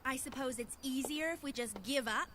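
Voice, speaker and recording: Higher-voiced, earnest young student. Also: female voice, normal speed, fairly bright tone, a little hiss or hum. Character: sincere, idealistic young female student. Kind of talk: dramatic dub acting.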